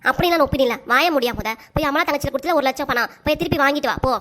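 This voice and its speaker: A woman voicing an angry mother and wife in a cartoon, scolding sharply and without pause. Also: high voice, a bit bright. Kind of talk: cartoon voice acting.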